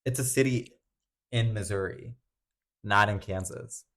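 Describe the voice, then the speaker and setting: A young man co-hosting a podcast in casual gossip chat, animated, full of fillers and swearing. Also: lowish voice, a little slow. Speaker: podcast co-host.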